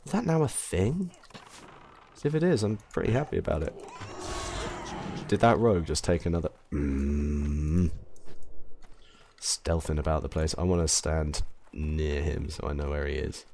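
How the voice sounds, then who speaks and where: A man's voice: rumbling low, moderate pace, creaky, a little mellow, a little hiss or hum. A man with an English accent giving casual, rambling commentary while playing a video game, often correcting himself. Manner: rambling, self-correcting, chatty. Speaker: let's play commentator.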